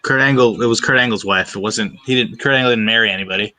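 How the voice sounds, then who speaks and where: A man's voice: fairly low pitch, fast, bright, forceful tone. A man guessing as a trivia contestant on a casual podcast, speaking bluntly and teasing the others. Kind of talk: casual chat.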